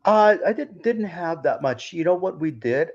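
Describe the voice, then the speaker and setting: On a podcast, a man from Ukraine who works as a DJ tells a long, meandering tale, often starting over. He speaks at a moderate pace in an expressive voice that sits on the high side, and the audio is dull and lo-fi.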